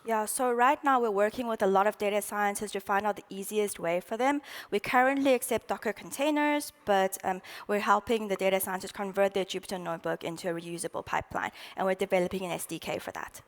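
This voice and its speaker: A woman founder giving a startup pitch presentation in a salesy, jargon-laden way. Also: fast, hardly any pauses.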